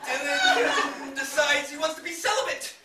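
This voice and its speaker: A young man narrating a live stage comedy in a mock-dramatic way, at times shouting protests at the characters. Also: very high-pitched, wildly swooping pitch, measured pace. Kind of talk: comic improv narration. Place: theater stage with a live audience. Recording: echoey stage from far off, noisy, laughing audience.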